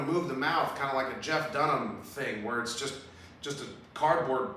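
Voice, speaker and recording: Man, podcast host, profane rambling rant, fairly high voice, distant mic, faint hiss. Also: bright, forceful tone, very echoey. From Southern California. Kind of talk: casual political rant.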